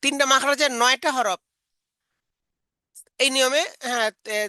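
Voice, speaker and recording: A woman training Quran teachers, explaining classroom drills step by step and modeling the vowel sounds slowly. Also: sits high, steady tone, pushed and bright, no room sound. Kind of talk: instructional lecture.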